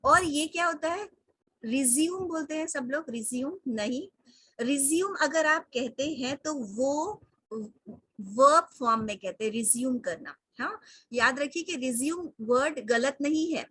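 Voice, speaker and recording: Over a video call, a woman whose voice is high and bright teaches English, spelling words slowly and repeating them many times while weaving English into her explanations. The close, dry audio comes from a computer microphone and carries no room sound.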